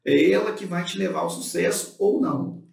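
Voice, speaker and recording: A man's voice: high-pitched, normal speed, vocal fry, echoey room, far from the mic. A man, co-hosting and giving study advice in a chatty way, with fillers like "né" and "tipo assim". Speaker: co-host giving study tips. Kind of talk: casual instructional talk.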